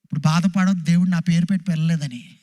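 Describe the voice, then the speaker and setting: A male pastor preaching with emphasis in a fairly high voice. He fires rhetorical questions and swings his pitch up and down for effect. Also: steady tone, quick pace, dark tone. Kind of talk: sermon.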